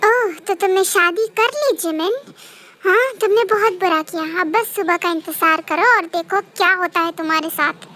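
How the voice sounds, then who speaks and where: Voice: very high voice, moderate pace, bright, forceful tone. A woman voicing a spiteful schemer in a read-aloud fan story, taunting the bride. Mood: gloating. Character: scheming rival, gloating and spiteful.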